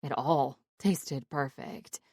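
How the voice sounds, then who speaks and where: A woman with a low voice reads a romantic comedy audiobook in the first person. Her delivery is wry and expressive, and the recording is close and completely dry, as from a studio booth. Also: takes it slowly, no room sound. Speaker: audiobook narrator.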